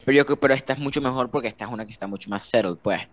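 A man's voice: medium pitch, very fast. A young man with a Venezuelan accent, co-hosting a casual podcast in slangy chat full of fillers. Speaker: podcast co-host.

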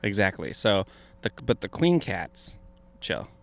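Gravelly, animated man co-hosting a podcast. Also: lowish voice, measured pace. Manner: joking, laughs often. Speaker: podcast co-host. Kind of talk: casual chat.

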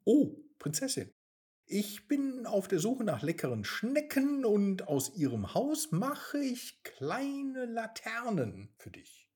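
A man's voice: high voice, wildly swooping pitch, slow, darkish tone, slightly rough, pitched above the performer's own voice, exaggerated voice. A man voicing a timid little hedgehog in a children's story, nervous and eager to please. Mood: frightened.

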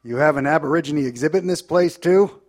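An actor playing a tough, menacing 1930s American adventurer with a gruff, hard-boiled manner in a live audio drama. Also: male voice, a little high, quick pace, natural voice.

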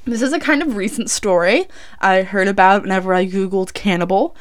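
A woman's voice: mid-range voice, fairly quick. A young woman recording inside a closet, telling a true crime story in a rambling, chatty way full of fillers and self-corrections. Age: young adult. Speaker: college student vlogger. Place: small clothes closet, recording indoors.

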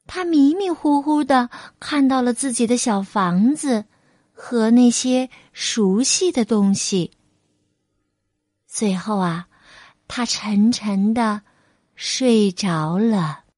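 Slow, gentle woman storyteller. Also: a little high, dry recording, studio quality. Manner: gentle and unhurried. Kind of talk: storybook reading for children.

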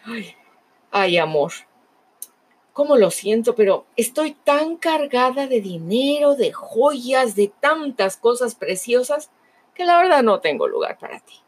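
A woman's voice: fairly high pitch, big pitch swings, a little slow, slightly rough, pitched above the performer's own voice, full character voice. A woman voicing Wealth, a rich female emotion who turns others away in a fussy, falsely apologetic manner. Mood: dismissive. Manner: fussy, apologetic but dismissive.

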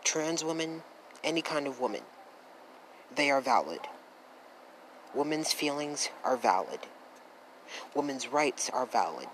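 An earnest man hosts his own vlog at a steady middle pitch, stacking emphatic affirmations one after another. He sounds as if he is holding back emotion. A clear layer of background noise runs under his voice. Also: measured pace, pauses often, low-quality recording. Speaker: vlog host. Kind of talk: earnest direct-to-camera talk.

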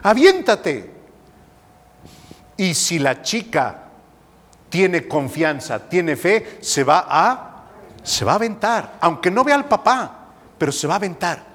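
A man, a priest, preaching a slow, emphatic sermon. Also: on the high side, lively intonation, fairly bright tone, big-room sound. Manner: slow, emphatic preaching with dramatic acted quotes.

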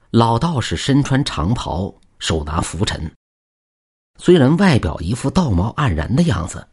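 A man narrating a folk tale as a storyteller, in an expressive style that swings from quiet to lively. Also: low-pitched, breathy edge.

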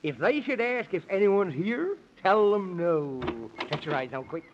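Casting: fussy, befuddled old-radio fantasy fellow, high-pitched and swooping, dithering and repeating himself, dull vintage recording. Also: male voice, lively intonation, measured pace, background noise. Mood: flustered, alarmed. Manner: dithering, repeats himself, pedantic nonsense logic. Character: fussy, befuddled, excitable Man in the Moon. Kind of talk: 1930s children's radio serial acting.

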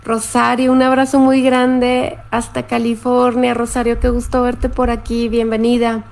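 Woman with a gravelly voice. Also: on the high side, completely flat delivery, unhurried. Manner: warm, explanatory, reads viewer comments aloud. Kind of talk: live-stream talk to viewers.

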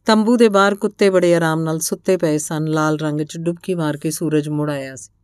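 A woman narrating a translated novel aloud in an even, measured storytelling manner. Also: low voice, smooth, no room sound.

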